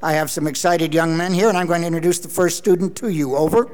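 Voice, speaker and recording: A man's voice: on the high side, quick pace. A man working as a radio operator, hosting a school question session with formal radio call procedure. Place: school hall. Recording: echoey hall with loud radio noise.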